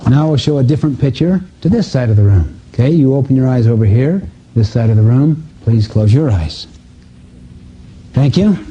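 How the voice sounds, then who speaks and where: A man with a mellow, medium-pitched voice and a breathy edge teaches a live self-help seminar in front of an audience. Emphatic and full of rhetorical questions, he teaches by acting out dialogues in the seminar room. The recording is lo-fi, muffled and dull.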